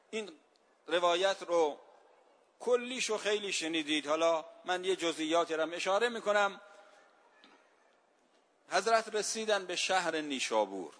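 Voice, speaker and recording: A man preaching a sermon, telling a story with strong feeling and drawing out the lines of verse slowly. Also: high-pitched, animated, fairly bright tone. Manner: emotive storytelling, slows and stretches verse lines. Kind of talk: religious sermon.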